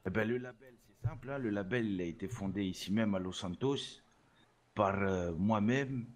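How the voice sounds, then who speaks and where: A man's voice: lowish voice, moderate pace, faint music behind, natural voice. A man playing a swaggering Salvadoran rap label boss in a role-play interview, boastful and sprinkling Spanish words into his talk. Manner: boastful, peppers speech with Spanish words and 'hein'.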